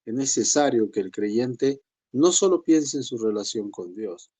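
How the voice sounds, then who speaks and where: A man's voice: animated, a little slow, warm tone, husky. A man teaching a church session, speaking conversationally and addressing the congregation as brothers. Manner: acts out believers' excuses in a higher voice. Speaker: pastor.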